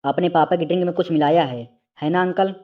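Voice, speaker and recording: A man voicing a frightened young woman who pleads and shouts for help, in a storybook reading. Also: a little high, fairly even intonation, quick pace, narrow, tinny audio, close to an everyday voice. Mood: scared defiant.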